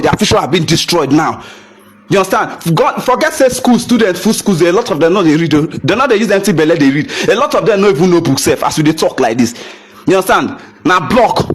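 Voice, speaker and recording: A man's voice: sits high, slightly rough. A young Nigerian man giving a heated rant to camera, mixing English with Pidgin and hammering rhetorical questions. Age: young adult. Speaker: photographer ranting to camera. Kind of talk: impassioned rant.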